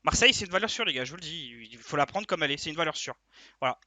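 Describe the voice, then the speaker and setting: Fast, bright-voiced young betting tipster man. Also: a little high, lively intonation, dry recording. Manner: hyped, urgent, repeats himself. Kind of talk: casual betting tips monologue.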